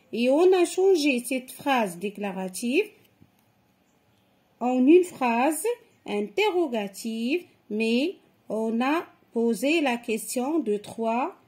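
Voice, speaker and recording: Slow, patient woman teaching children. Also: fairly high pitch, darkish tone. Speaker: French teacher. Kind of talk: children's grammar lesson.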